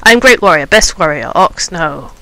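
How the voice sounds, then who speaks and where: A man's voice: a little high, animated, moderate pace, exaggerated voice, poor audio. A man voicing a proud male barbarian warrior who boasts in broken phrases. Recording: loud game music behind.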